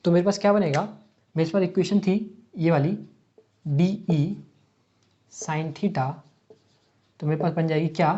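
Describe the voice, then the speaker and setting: Here a mellow, somewhat high-pitched male voice teaches physics for an exam, solving steps on a board. He answers his own rhetorical questions step by step and blends in English math terms; the audio is dull and lo-fi.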